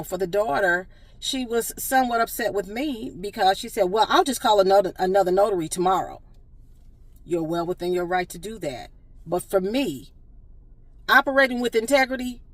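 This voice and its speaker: A woman's voice: mid-range voice, no room sound, recorded from a distance. A woman notary public telling a story to camera, earnest and direct, firm on principle.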